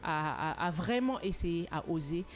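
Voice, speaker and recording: A woman co-hosting a studio talk show, speaking in an earnest, motivational way and growing animated when telling anecdotes. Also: fairly low pitch, moderate pace, faint music behind. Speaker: TV show co-host.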